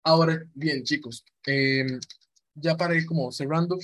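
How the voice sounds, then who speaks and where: A man's voice: a little high, steady tone, unhurried, fairly bright tone, no echo. Chatty man teaching radio presenting. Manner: chatty, repeats himself, demonstrates voices. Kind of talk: informal online lesson.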